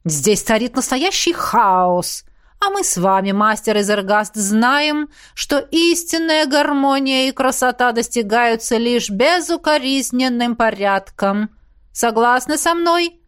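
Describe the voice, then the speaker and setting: A woman voicing a prim, order-obsessed school secretary who speaks in a slow, precise, commanding drawl. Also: a little high, lively intonation, a bit bright, smooth, pitched above the performer's own voice.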